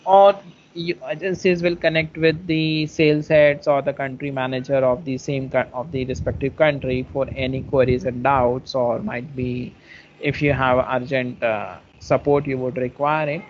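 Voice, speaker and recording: Man, webinar presenter, step-by-step walkthrough, restates phrases, slightly high voice, muffled audio with faint hiss. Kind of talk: online product webinar walkthrough.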